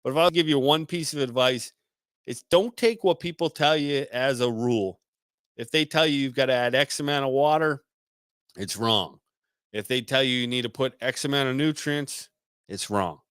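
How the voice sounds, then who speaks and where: A man's voice: medium pitch, normal speed, a bit bright, clear, resonant tone, dry recording, clean studio sound. A man hosting a live call-in stream, reading viewer comments aloud and answering in a laid-back way, swearing freely and saying "man" a lot. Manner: repeats words as he restarts.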